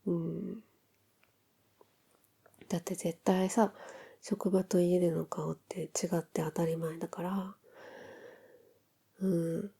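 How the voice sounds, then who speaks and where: A woman playing an affectionate newlywed wife in an ASMR role-play of intimate pillow talk, soft, breathy and musing. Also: lowish voice, flat delivery, takes it slowly, long pauses, heavily acted. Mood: affectionate, curious. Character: affectionate newlywed wife chatting softly in bed.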